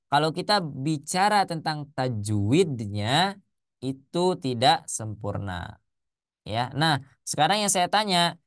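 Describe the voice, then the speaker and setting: A man teaching a Quran recitation class, asking his students questions and slowly chanting Arabic examples. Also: a little high, fairly bright tone, dry recording, clean studio sound. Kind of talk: classroom lesson.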